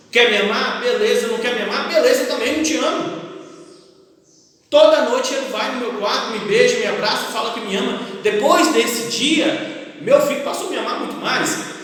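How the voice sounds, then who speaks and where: Man, Brazilian Portuguese accent, high voice, blunt emphatic counselor, rhetorical questions, heavy echo, far from the mic. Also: a bit bright. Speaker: clinic counselor addressing families. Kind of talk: blunt talk to patients' families. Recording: echoey hall, voice from far off.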